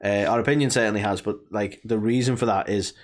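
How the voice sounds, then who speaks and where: A man's voice: lowish voice, steady tone, quick pace. A man co-hosting a wrestling podcast, talking casually and rambling with plenty of fillers, originally from the UK. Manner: chatty, rambling, lots of fillers. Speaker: podcast co-host. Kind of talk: casual chat.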